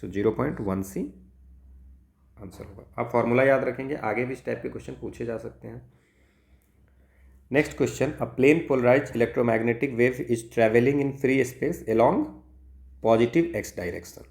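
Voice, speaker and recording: A physics tutor with an Indian accent works through exam problems in a lesson that mixes Hindi and English, thinking aloud step by step and often checking in with short tag words. His medium-pitched voice is a little slow and a little mellow, with vocal fry, and the recording is reverberant.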